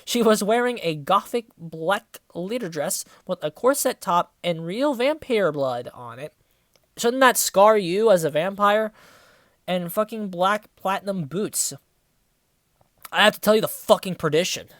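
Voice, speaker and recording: An apparently twentysomething reviewer performs a fan fiction story aloud, animated and at a measured pace, in a medium-pitched voice with clean studio sound and no room echo. Between passages come mocking, sarcastic, sweary casual remarks.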